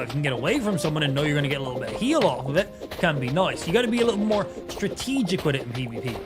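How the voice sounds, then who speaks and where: Lively man streamer, slightly impeded casual speech. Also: sits high. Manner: casual, sweary, easygoing. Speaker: game livestreamer. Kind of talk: casual livestream chat and game commentary. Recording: music behind the voice. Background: music.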